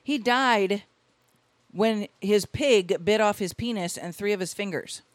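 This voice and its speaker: A woman co-hosting a casual podcast, reading out odd news stories with animated commentary. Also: medium pitch, a little slow, dry recording.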